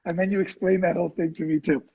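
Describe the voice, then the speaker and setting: A middle-aged man co-hosting a casual conversation, chatty, expressive and self-deprecating. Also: high-pitched, fast talker, creaky, highs cut off, a little hiss or hum. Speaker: co-host.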